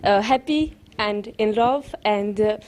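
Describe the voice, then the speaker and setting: A woman's voice: medium pitch, a little mellow. Nervous woman with an Albanian accent. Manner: nervous, halting. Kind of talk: informal self-introduction to a group. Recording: clearly noisy live room recording.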